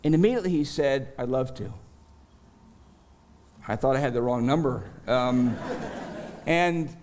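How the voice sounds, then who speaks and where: A middle-aged male pastor preaching a sermon, telling a personal story slowly and deliberately, rising with emphasis at key moments. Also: mid-range voice, noisy background. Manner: storytelling, slow and deliberate with animated rises.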